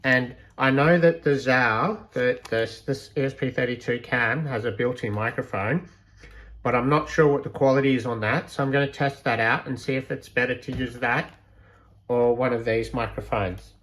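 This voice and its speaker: At a moderate pace, a man with a medium-pitched, fairly bright voice describes a DIY electronics project informally. He improvises the walkthrough, hesitating as he reasons out loud.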